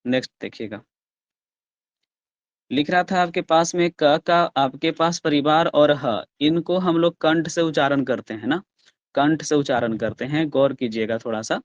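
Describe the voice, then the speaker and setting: Hindi grammar teacher sounding out letters. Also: male voice, a little high, dry recording, lo-fi sound. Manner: explains step by step, asks the class questions and answers them himself; sounds out letters slowly and loudly. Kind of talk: online class lecture.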